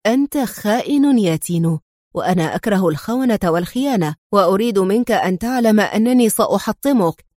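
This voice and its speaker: A woman's voice: medium pitch, animated, fairly quick, a little mellow, no room sound, studio quality, lightly acted. A woman voicing a stern, tough male secret agent in a storybook reading, clipped and menacing. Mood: harsh.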